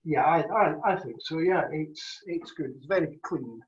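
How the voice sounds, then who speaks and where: A man's voice: fairly high pitch, unhurried. A man judging cheese, thinking aloud and weighing his words in a casual tasting commentary. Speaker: cheese judge. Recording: distant, roomy, dull video-call audio.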